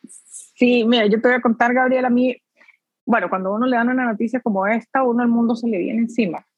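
A woman's voice: fairly high pitch, steady tone, a little fast, dry recording. Earnest mother speaking on a dull, dry line. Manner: earnest, heartfelt, frequent "eh" fillers. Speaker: interview guest, mother. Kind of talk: conversational interview.

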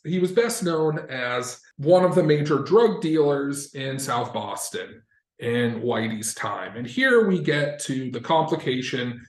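In a reverberant space, a Massachusetts man with a medium-pitched voice co-hosts a podcast. His explaining style is casual and wandering, with self-corrections, wry asides, and profanity.

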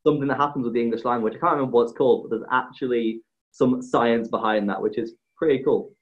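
A man's voice: mid-range voice, quick pace. Young man on a dull lo-fi mic. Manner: enthusiastic, trailing off mid-thought. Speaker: podcast co-host. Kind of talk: casual chat.

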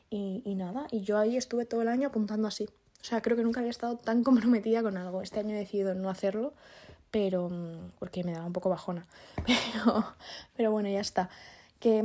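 A young woman from chats in a loose, confessional monologue. She is self-deprecating and laughs often, filling pauses with little hesitations as she talks through her thoughts. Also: medium pitch, mellow. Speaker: podcast host.

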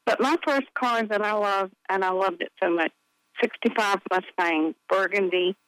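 A woman's voice: mid-range voice, normal speed, a bit bright, dry recording. A woman phoning in to a radio show and chatting eagerly and in a friendly way with the host. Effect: caller heard over a phone line on a radio show. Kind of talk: casual call-in chat.

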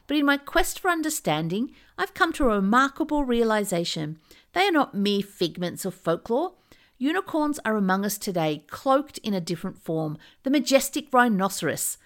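A woman hosting a podcast, reading scripted narration in a measured, dramatic nature documentary manner. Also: medium pitch. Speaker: podcast host.

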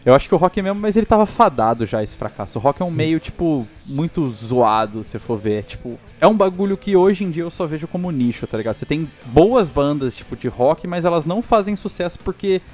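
A man's voice: fairly high pitch, very animated, a little fast, few pauses, a little mellow. A young Brazilian man speaking in a casual podcast debate, with a blunt, slangy, sweary way of talking.

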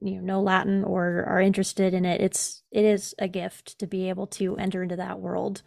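A woman's voice: mid-range voice, level tone, a little fast, creaky, a little mellow. A woman co-hosting a casual discussion, speaking thoughtfully.

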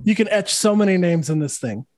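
Guy doing a pushy tombstone salesman, high voice, bragging sales pitch. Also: lively intonation, fairly quick, a little mellow, no echo, studio quality. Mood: salesy. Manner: boastful sales patter. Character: pushy small-town male tombstone salesman.

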